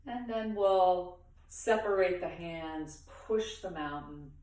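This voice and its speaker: Recorded from far away in a very echoey room, a woman with a low, slightly mellow voice teaches tai chi to beginners. She talks slowly through each movement in short phrases, pausing between them.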